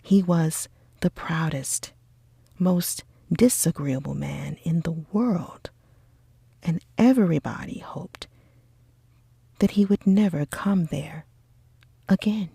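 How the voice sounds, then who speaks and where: Slow breathy whispering woman reading a story. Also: on the low side, warm tone, dry recording, clean studio sound. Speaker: audiobook reader for sleep. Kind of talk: whispered soft-spoken ASMR storytelling.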